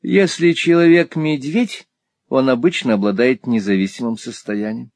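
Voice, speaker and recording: A man's voice: medium pitch, normal speed, a little mellow, dry recording, pitched above the performer's own voice, natural voice. Man voicing a chatty, shrewd spinster painter. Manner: gossipy, exclaiming.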